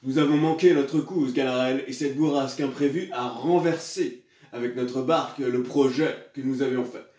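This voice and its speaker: A man's voice: medium pitch, steady tone, moderate pace, darkish tone, close to an everyday voice. A man playing a suave, hypocritical nobleman seducer in classical French theatre, declaiming in a pompous, hammy stage manner. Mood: grandiose, scheming. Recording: echoey room, far from mic.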